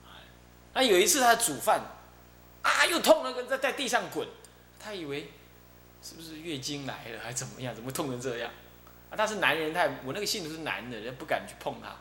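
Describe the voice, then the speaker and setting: A man's voice: on the high side, expressive, a little fast, sharp tone. A male abbot from Taiwan, telling a story in a Buddhist dharma talk and acting out its characters. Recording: echoey room, faint hum.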